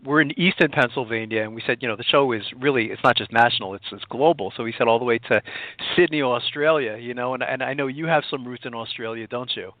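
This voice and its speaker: A man's voice: mid-range voice, quick pace, no echo. A man hosting an interview show, talking in a chatty way with many fillers and restarts. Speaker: podcast host. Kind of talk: phone interview. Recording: tinny phone-line sound.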